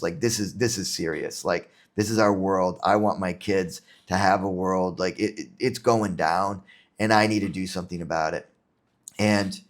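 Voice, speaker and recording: A man from New York, an entrepreneur talking as a podcast guest in an earnest, reflective way, often repeating words as he thinks. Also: fairly low pitch. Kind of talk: casual interview talk.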